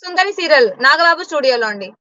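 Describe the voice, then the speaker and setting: Woman, high voice, quick delivery, blunt and indignant interview answers, dry dull sound. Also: expressive, sharp tone, no echo. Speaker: interview guest.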